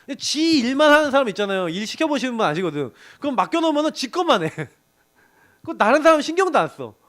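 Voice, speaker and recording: A middle-aged man preaching to a young adults group, telling animated stories and often laughing. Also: very high-pitched, quick pace. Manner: animated storytelling with laughs and acted quotes. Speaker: pastor.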